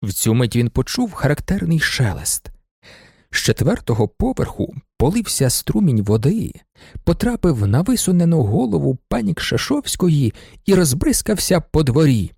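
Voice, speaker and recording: A man's voice: a little high, very animated, normal speed, creaky, darkish tone, slightly rough, no echo, clean studio sound. A man narrating a novel as an audiobook, telling the story expressively. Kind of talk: scripted narration.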